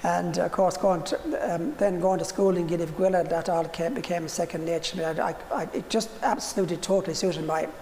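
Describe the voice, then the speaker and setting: A man reminiscing informally in an interview, halting and repeating his words. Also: sits high, fairly even intonation, a little mellow. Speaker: musician interviewee. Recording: noisy, reverberant room.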